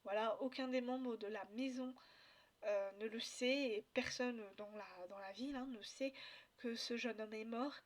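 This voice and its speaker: A woman's voice: on the high side, steady tone, moderate pace. Chatty woman with many fillers. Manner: hesitant, many fillers and restarts. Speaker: book vlogger. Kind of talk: casual book haul chat.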